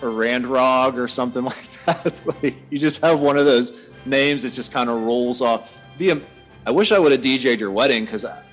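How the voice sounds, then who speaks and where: A man hosting a relaxed interview over a video call, cracking jokes and laughing easily. He talks in a casual, loose way, and faint music plays behind him. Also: mid-range voice, normal speed. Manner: joking, laughs often. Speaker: podcast host.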